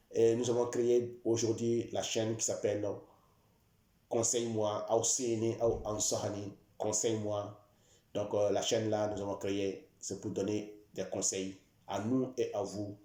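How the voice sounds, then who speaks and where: A man's voice: on the low side, dark tone. A man giving a sermon, preaching in a repetitive, emphatic way. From West Africa. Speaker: Islamic preacher. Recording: roomy echo.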